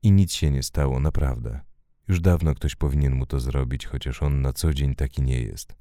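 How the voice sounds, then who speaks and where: A man voicing a frightened woman who speaks quietly and pleads. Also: a bass voice, normal speed, no room sound, studio quality. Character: frightened young woman defending her husband.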